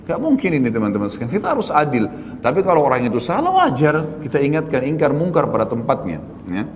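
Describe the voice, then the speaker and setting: A man's voice: medium pitch, quick pace, slight background noise. A man giving a religious lecture, speaking straight to his listeners and rising sharply on his key points. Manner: addresses listeners directly, often tags "gitu kan"; lively, exclaims and rises sharply on key points. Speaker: Islamic preacher. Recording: long hall reverb, faint background ambience.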